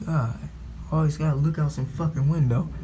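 A slightly high, mellow male voice at moderate pace belongs to a young American vlogger filming a storm from his window. He talks bluntly with lots of cursing, scolding and then muttering in casual commentary. Slight noise sits in the background.

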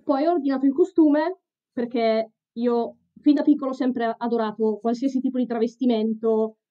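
Woman, speaking through a costume head, high-pitched, warm tone, earnest explainer, muffled lo-fi video call sound. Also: steady tone, moderate pace. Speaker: furry in costume on a video chat. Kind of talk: casual video chat. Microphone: video chat mic. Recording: dull lo-fi video chat audio.

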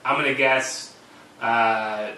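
A man co-hosting a casual political talk show, calm and a bit hesitant. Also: medium pitch, slow pace. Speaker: co-host. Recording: echoey room, distant mic, faint noise.

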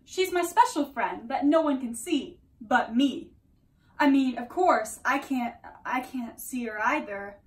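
A woman's voice: high-pitched, lively intonation, measured pace. A young woman playing a lonely, earnest teenage girl who confides in her invisible friend, in a theatrical, wistful dramatic monologue. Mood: chatty, eager. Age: young adult. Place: small room at home, indoors. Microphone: camera a few metres away. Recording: distant microphone in a room.

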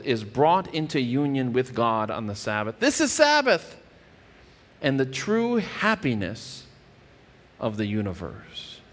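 A man in his thirties delivers a sermon from a church stage, working through scripture in an earnest, teacherly way. His voice sits at an ordinary middle pitch and trails into a lingering hall reverb, with small restarts as he finds his words. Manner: earnest, explanatory preaching with frequent restarts. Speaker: pastor. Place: church stage with wood-paneled wall.

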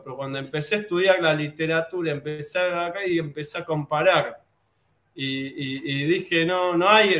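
A man with a Rioplatense Spanish accent talks through an idea in a loose, casual way. He rambles, restarts his sentences and fills the gaps with hesitations, in a slightly high voice. The room around him is echoey. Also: fairly bright tone. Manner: rambling, with many fillers and restarts. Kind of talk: casual explanatory talk.

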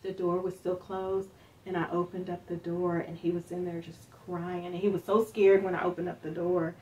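A middle-aged woman from Northern Kentucky telling a personal story in an interview, soft-spoken, with many fillers, acting out the voices of the people she quotes. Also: on the low side, little pitch movement, normal speed. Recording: distant mic with faint background hiss.

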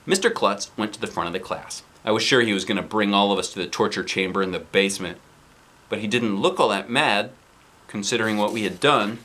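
A man in his forties reads a children's book aloud in an expressive storytelling style, adding playful asides. His voice is on the low side and his pace brisk.

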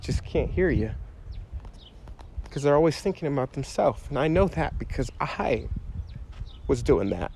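A man preaching an emotional testimony sermon, pleading, going from hushed to rising. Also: medium pitch, lively intonation, measured pace, gravelly, pauses often, a little hiss or hum. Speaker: pastor.

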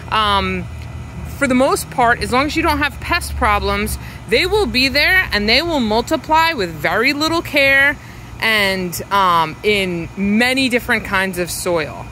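A woman with a bright, crisp voice talks slowly and fondly as she walks her garden, naming plants one by one. She films herself from behind a handheld phone outdoors, and faint traffic hums in the background. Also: fairly high pitch, rough recording. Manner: unhurried, explanatory, fond of her plants. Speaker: home gardener giving a garden tour. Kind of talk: casual walking garden tour. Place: outdoors in a suburban yard garden. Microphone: handheld phone camera, speaker behind it.

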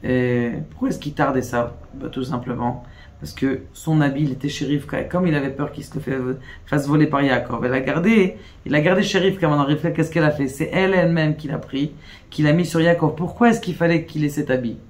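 A man's voice: fairly high pitch, brisk. A man giving a Torah lesson as a rabbi, telling the story with rhetorical questions and acting out pleas. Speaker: rabbi teaching Kabbalah.

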